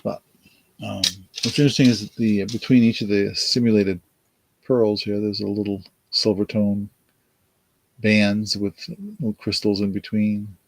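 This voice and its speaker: A man hosts a laid-back live auction, his voice low and gravelly. He talks slowly and tiredly, wandering through his thoughts with plenty of fillers. Loud keyboard typing clatters in the background. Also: little pitch movement, a little hiss or hum, low-quality recording. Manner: unhurried, rambling, thinks aloud with many fillers. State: tired, yawning. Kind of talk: casual live-stream auction talk.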